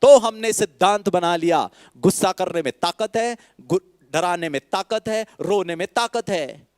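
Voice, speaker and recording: A man with an Indian accent gives a spiritual talk to an audience, slipping between Hindi and English. His voice is smooth, resonant and fairly high for a man, recorded close and dry. He teases with rhetorical questions and briefly acts out the people he quotes. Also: unhurried, no room sound. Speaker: spiritual speaker.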